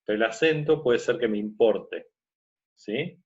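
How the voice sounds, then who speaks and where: Low-voiced man teaching. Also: unhurried, darkish tone, lo-fi sound. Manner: explains step by step, often checks in with the listener. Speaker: course instructor. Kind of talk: screen-recorded software tutorial.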